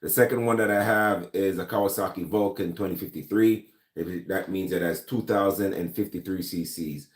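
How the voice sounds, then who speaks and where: A gun-talk livestream host from Jamaica speaks in a low voice at a moderate pace, with hardly any pauses. In his Jamaican accent he greets viewers by name, using many ums. The roomy sound comes from a laptop or camera mic.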